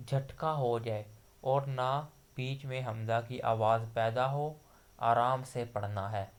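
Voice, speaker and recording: A man teaching a recitation lesson, patiently explaining and slowly sounding out example syllables. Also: medium pitch. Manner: patient, repeats letters slowly with drawn-out demonstration syllables. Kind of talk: online tajweed lesson.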